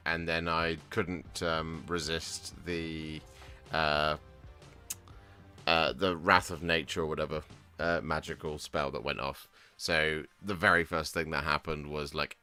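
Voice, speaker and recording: A man's voice: sits low, bright, forceful tone. A man chatting casually on his hobby vlog, rambling with lots of restarts and fillers. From England. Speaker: hobby vlogger. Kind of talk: casual chat while painting miniatures.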